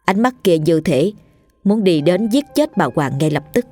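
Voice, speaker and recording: A woman narrating a ghost story in a steady, measured scripted reading. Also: on the low side. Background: faint music.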